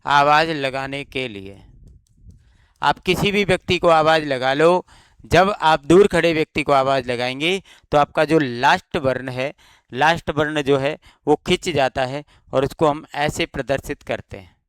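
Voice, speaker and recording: A man's voice: a little high, a little slow, fairly bright tone, clean tone, dry recording. A man teaching an exam-prep grammar lesson with a slight Rajasthani Hindi accent, explaining step by step and answering his own questions.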